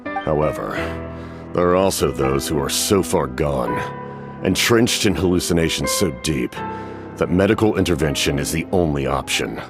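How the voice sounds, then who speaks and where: An extremely low-voiced, stoic old warrior captain from a video game cutscene. He speaks with grave, formal, measured authority, like a commander of few emotions. Soft music plays underneath. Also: lively intonation. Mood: grave, clinical.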